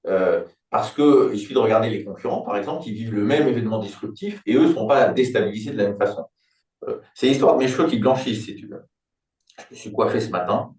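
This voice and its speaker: A man's voice: on the low side, lively intonation, fast, darkish tone. A man in his sixties, a business consultant, explaining his thinking in a reflective, conversational way with everyday examples. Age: 60s. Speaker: business turnaround consultant, company founder. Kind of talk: conversational interview. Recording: roomy, distant mic.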